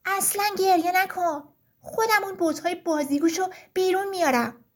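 A woman voicing a helpful fox in a children's story, dropping her voice lower and speaking steadily. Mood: kindly.

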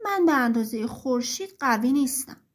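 A woman voicing a patch of ice that calmly admits it is strong in a storybook. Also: sits high. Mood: smug. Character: sheet of ice, smug then humbled.

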